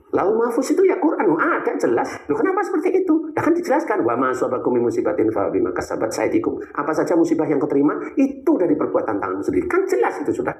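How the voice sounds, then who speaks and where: A male preacher whose pitch leaps about as he talks. He teases his listeners and throws rhetorical questions back at them. The sound bounces around an echoey room. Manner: animated, teasing, rhetorical questions. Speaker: Islamic preacher. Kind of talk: religious talk with questions.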